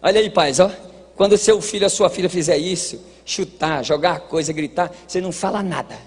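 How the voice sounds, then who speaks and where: A Brazilian man preaching a sermon at a church congress, folksy and joking, dropping to quiet asides and rising to shouted exhortation. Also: high-pitched, brisk, slightly rough. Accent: Brazilian Portuguese. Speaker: pastor. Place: large church hall at a congress. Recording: hall reverb, long echo.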